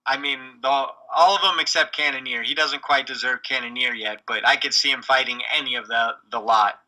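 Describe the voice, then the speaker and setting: Podcast guy w a really bright sharp voice, mid pitch, confident takes. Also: fairly quick, low-quality recording. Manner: confident, opinionated analysis. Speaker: podcast co-host. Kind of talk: casual sports podcast chat.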